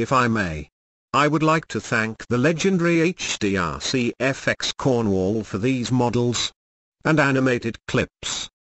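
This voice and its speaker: A synthetic male text-to-speech voice narrating a video channel, reading in an even, stiff way with odd pauses. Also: medium pitch, dry recording. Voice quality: synthetic robotic voice.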